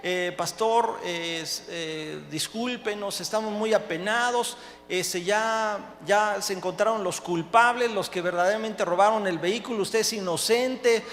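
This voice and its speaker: A preacher acting out a gruff prison director, higher than his own talk, blunt and then pleading. Recorded with a long hall reverb. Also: unhurried, fairly bright tone. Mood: apologetic. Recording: echoey church hall, faint noise.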